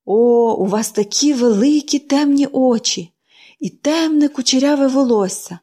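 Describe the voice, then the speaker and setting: A woman doing a chatty little girl in a storybook, eager and bubbly, with a high voice that leaps up and down as she gushes. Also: very animated, moderate pace, a little mellow.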